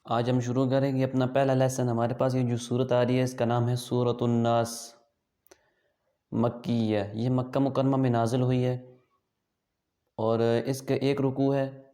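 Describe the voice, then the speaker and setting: A man with a Pakistani Urdu accent teaches an online Quran lesson, patiently explaining pronunciation and reciting slowly so students can repeat after him. His voice is medium-pitched, level and mellow, with a reverberant sound.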